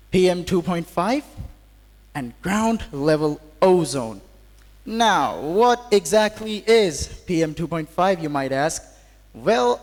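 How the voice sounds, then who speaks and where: Male student orator for a podium speech: high voice, formal and theatrical, reverberant hall sound. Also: darkish tone. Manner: formal, theatrical oratory with wry rhetorical asides. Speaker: student speaker at a school assembly. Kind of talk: podium speech, scripted and rhetorical. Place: large hall at a school assembly. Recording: echoey hall with long reverb.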